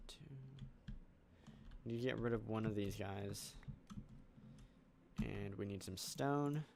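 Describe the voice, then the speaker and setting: Casting note: a man with a low, gravelly voice, casual gaming commentary over faint keyboard clicks. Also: slow pace, a little hiss or hum. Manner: relaxed, thinking aloud while building. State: hiccuping. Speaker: gaming channel host. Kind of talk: casual let's play commentary.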